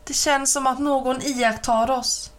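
A woman's voice: sits high, steady tone, pitched above the performer's own voice, close to an everyday voice. A woman reading a storybook aloud and voicing an anxious young girl who whispers and hisses urgently.

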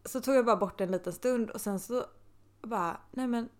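A young woman co-hosting a podcast in casual chat, talking with lots of filler and quoting her own thoughts. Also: on the high side. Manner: chatty, quotes herself with lots of filler. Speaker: podcast co-host.

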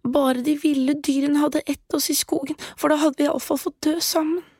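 Woman doing a small girl's high voice. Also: fairly even intonation, a little mellow, no echo, clean studio sound, lightly acted. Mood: pleading. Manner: high, tearful pleading. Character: frightened little girl, pleading.

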